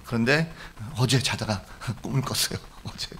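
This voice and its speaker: Middle-aged pastor guy preaching, tells funny stories, does the voices of people in them, normal pitch. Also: normal speed, fairly bright tone, a little hiss or hum. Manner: storytelling with jokes, acting out quoted voices. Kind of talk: sermon. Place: church sanctuary.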